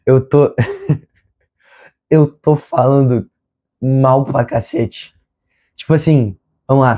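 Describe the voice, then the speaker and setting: A Brazilian man hosts a casual news vlog for a football fan channel from his room at home. His mid-pitched voice is mellow but carries a hoarse smoker's rasp, congested and nasal from a stuffed nose, and he keeps clearing a strained, sore throat while chatting in a rambling, apologetic way.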